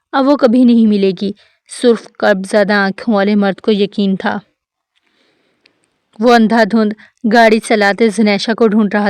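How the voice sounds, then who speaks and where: Woman narrator, smooth clear voice, dry close sound, steady novel reading. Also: medium pitch, dry recording. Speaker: novel reader. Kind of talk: scripted narration of a romance novel.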